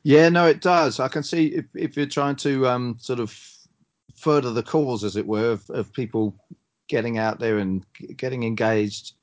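A man in reflective conversation, searching for words and pausing between short phrases. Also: mid-range voice. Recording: dull, muffled lo-fi audio.

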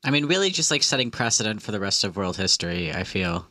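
An easygoing man co-hosting a podcast, chatting loosely and laughing along with his partner. His voice is bright and clear, and it is recorded close and dry, with no room sound. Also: fairly low pitch, very animated, fast, no room sound. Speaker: podcast co-host. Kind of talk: casual comedic chat.

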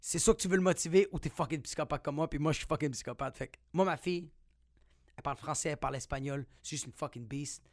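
Young quebec guy riffing and cussing on his podcast, animated, dry close mic. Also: a little high, fast, no room sound. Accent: Quebec French. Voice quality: swears a lot, animated and playful. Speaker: podcast host. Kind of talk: comic monologue.

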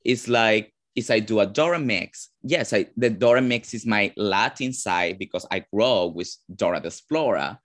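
Man, Venezuelan Spanish accent, fairly low pitch, casual interview talk, searches for words, lots of fillers. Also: normal speed, few pauses, fairly bright tone. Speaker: drag performer, guest.

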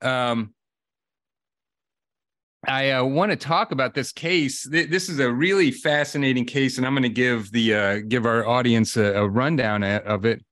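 A man hosting a podcast in a conversational, halting manner, repeating words as he goes. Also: medium pitch, a bit bright, no room sound. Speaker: podcast host. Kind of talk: conversational introduction of a guest.

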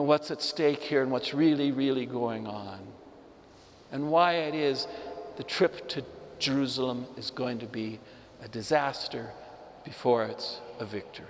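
A man's voice: mid-range voice, big-room sound, a little hiss or hum. A man preaching a sermon, telling a story with emphatic repetition. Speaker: pastor.

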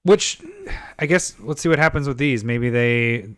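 A man with a smooth, clean voice chats casually as a podcast co-host. He laughs easily and jokes around. The sound is dry and close, with no room echo. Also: medium pitch, measured pace. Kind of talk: casual chat about card games.

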